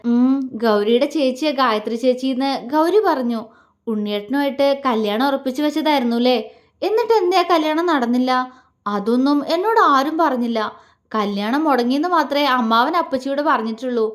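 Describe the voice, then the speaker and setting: A shy, innocent young woman from an audio story, halting and stammering over her words, as a woman storyteller acts her out. The voice is pitched high and light. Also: close to an everyday voice. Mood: earnest.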